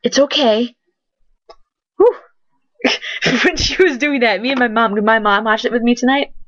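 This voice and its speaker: A woman's voice: fairly high pitch, expressive, moderate pace, a bit bright, no room sound, dull audio. A woman giving a casual, opinionated spoken review, blunt and chatty, with lots of fillers and restarts. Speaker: vlogger reviewing a TV talent show.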